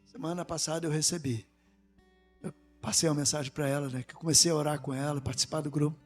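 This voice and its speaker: A middle-aged Brazilian man preaching a sermon, telling a story with animated swings from hushed to loud and acting out the voices he quotes. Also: on the high side, fast talker, long reverb tail, faint music behind.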